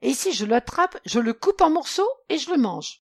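A woman voicing a hungry, quick-tempered male ogre in a storybook reading, demanding and threatening. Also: fairly high pitch, expressive, a little mellow, pitched above the performer's own voice. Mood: angry.

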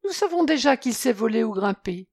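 A woman voicing a clever young male detective prince in a storybook reading, calm and inquisitive. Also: on the high side, fairly quick, no room sound, clean studio sound.

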